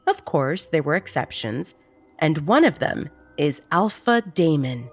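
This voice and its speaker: Low-voiced woman narrating an audiobook. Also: sing-song, measured pace, faint music behind. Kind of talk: scripted romance narration.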